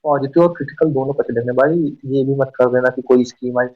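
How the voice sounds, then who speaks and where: A man gives a quick, informal exam-prep lesson, often putting a question and then answering it himself. He sits a little back from the mic, and the recording sounds muffled and lo-fi. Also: mid-range voice, fairly even intonation. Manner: fast, chatty, often asks and answers own questions. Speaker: exam coaching teacher. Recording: dull, slightly distant mic.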